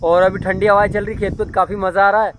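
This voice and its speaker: A man's voice: sits high, flat delivery, fast talker, fairly bright tone, a little hiss or hum. Young man vlogging his day. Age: young adult. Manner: chatty, narrating his day to the phone. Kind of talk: casual daily-life vlog narration. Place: outdoors, on farm fields and streets. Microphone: phone held at arm's length.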